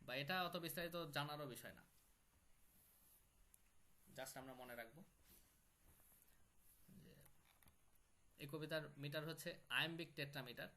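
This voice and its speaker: A man's voice: a little high, bright, forceful tone. A man teaching an online poetry class, explaining step by step and repeating key terms.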